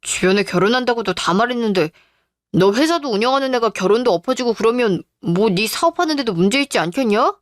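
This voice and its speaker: A woman's voice: a little high, animated, fast talker, no echo, clean studio sound, close to an everyday voice. Entitled young fiancé, pushy and self-pitying, a woman voicing him. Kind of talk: Korean radio drama.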